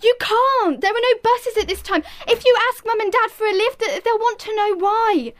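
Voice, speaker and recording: A woman's voice: very high voice, normal speed, fairly bright tone. An actress playing a bossy, preachy well-off teenage girl scolding her friend in a radio drama. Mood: lecturing. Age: teens. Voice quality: lecturing.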